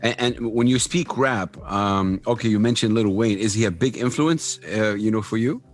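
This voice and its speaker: Animated male host on a video call. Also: on the low side, normal speed, soft background music. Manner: animated, friendly, with Arabic greetings. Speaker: podcast host. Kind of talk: casual video-call interview. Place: home over a video call.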